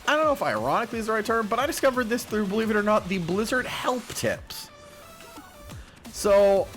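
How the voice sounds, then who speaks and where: Man, gaming vlogger, self-deprecating rambler, morning voice cracking, slightly high voice. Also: fairly bright tone. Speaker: gaming YouTuber. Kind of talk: casual gameplay commentary. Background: faint music stream.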